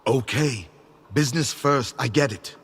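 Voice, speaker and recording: An actor playing a brooding, fanatical faction leader and war-scarred survivor, telling things theatrically with dramatic pauses in a video game cutscene. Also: male voice, medium pitch, fairly bright tone, breathy edge, exaggerated voice. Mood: grim, persuasive.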